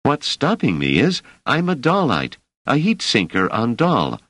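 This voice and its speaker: A man's voice: fairly low pitch, a bit bright, dry recording, voice pushed up, exaggerated voice. A man doing an eager young laborer. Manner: earnest, pleading. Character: eager young male laborer, earnest, unschooled.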